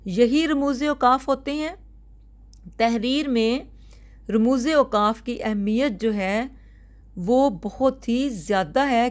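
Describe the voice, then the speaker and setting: A woman teacher, giving a recorded grammar lecture. Her voice sits fairly high, and she takes her time, restating each point so students can follow. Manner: slow, careful explaining with frequent restating.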